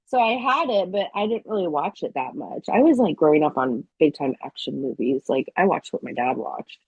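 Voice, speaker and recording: A woman's voice: deep voice, animated, brisk, darkish tone, husky, no echo, dull audio. A woman in her thirties chatting as an interview guest, telling stories in a loose, talkative way with plenty of filler words. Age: 30s. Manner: chatty, storytelling, many "like" fillers. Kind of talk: casual interview chat.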